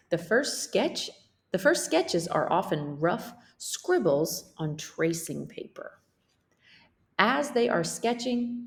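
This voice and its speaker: A woman teacher with a voice on the low side reads a picture book aloud to children as a lesson. She explains things simply and checks in with questions.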